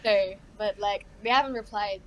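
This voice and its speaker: A woman guest on a podcast, talking upbeat and quick. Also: medium pitch, crowd noise, low-quality recording. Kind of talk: casual interview.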